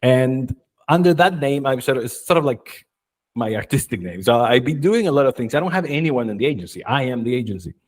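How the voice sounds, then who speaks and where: Male guest, 40s, from Chile; mid-pitched, upbeat, loose conversational delivery. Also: sing-song, brisk, darkish tone. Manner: enthusiastic, storytelling, frequent fillers. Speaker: guest, marketing and video expert. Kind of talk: casual interview chat.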